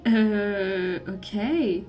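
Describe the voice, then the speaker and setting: A woman's voice: mid-range voice, very slow, a little mellow, soft background music. Giggly rambling woman reading cards. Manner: giggly, rambling, slips into English words. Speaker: tarot and oracle card reader. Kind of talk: casual card-reading video.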